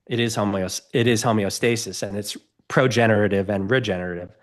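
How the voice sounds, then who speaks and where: A man's voice: lowish voice, fairly even intonation, fairly quick. A middle-aged man, a guest on a podcast, talking earnestly and expansively in a casual interview. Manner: earnest, expansive, gestures while explaining.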